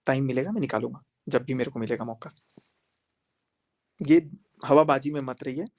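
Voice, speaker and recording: A man's voice: medium pitch, moderate pace. A man speaking on a live stream to his viewers, emphatic and confrontational, repeating his points for force. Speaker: social media creator.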